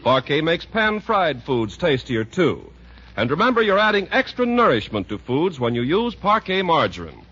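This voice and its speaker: A 1940s radio announcer reads scripted ads and narration with a polished sales pitch. His voice is very animated, a bit bright and slightly rough, at a moderate pace. The recording sounds muffled, like 1940s radio.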